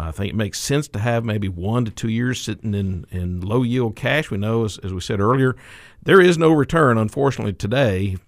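A man's voice: medium pitch, gravelly, no echo. A man working as a retirement income advisor, explaining investment buckets on a financial talk show.

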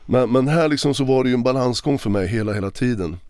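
A man's voice: mid-range voice, a little mellow, clear, resonant tone, dry recording. Guy on a podcast, stumbling and restarting, emotional telling, dry close sound. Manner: halting, emotional, many restarts. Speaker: podcast guest. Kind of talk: personal storytelling in a podcast interview. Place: podcast recording session.

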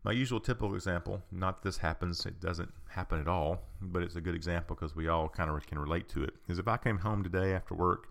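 A man with a low, gravelly voice gives an informal explanatory talk, repeating his points patiently. He asks rhetorical questions, fills pauses with "um" and clears his throat now and then. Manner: patient and repetitive, with rhetorical questions and frequent ums.

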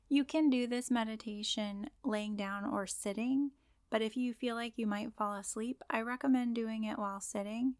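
A woman's voice: fairly high pitch, no echo. A woman meditation guide talking casually and explaining things to listeners in an easygoing, conversational way.

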